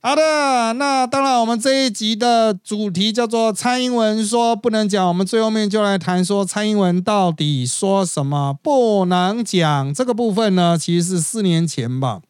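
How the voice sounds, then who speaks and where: A man's voice: high voice, normal speed, hardly any pauses, clean tone, no echo, clean studio sound. A man with a Taiwanese Mandarin accent hosting a podcast, giving chatty, gossipy, wry political commentary. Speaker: podcast host.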